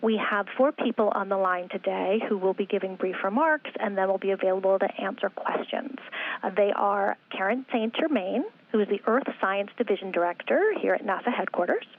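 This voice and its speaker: A woman moderating a press teleconference, reading introductions and spelling out a web address slowly and carefully. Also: medium pitch. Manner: measured, spells things out slowly. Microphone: telephone. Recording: tinny phone line.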